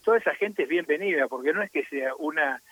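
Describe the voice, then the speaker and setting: A man's voice: a little high, lively intonation, fast, fairly bright tone, no room sound, rough recording. A man speaking as a radio guest, explaining at length with hesitant fillers. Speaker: radio guest on Basque culture.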